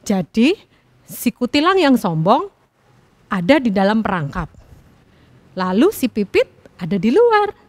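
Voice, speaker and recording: A woman Sunday school teacher narrating a children's story in a high, very lively voice. She talks expressively and keeps asking the children questions, recorded close and dry. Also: measured pace, pauses often, no room sound.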